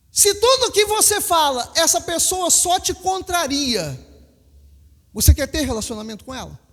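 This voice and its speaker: A man with a Brazilian Portuguese accent, a pastor preaching a sermon and telling lively stories to his congregation. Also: very high voice. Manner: storytelling, animated, acts out quotes, laughs with congregation. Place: church hall. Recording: long hall reverb.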